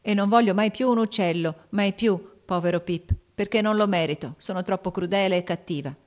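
A woman voicing a tender-hearted, remorseful young girl in an audiobook, high and pleading. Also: moderate pace, a little mellow, natural voice. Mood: tearful. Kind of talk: audiobook character reading.

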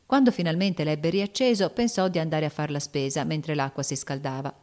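A woman reading a classic novel aloud as narrator, steady and even. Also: sits low, normal speed. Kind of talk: scripted audiobook narration.

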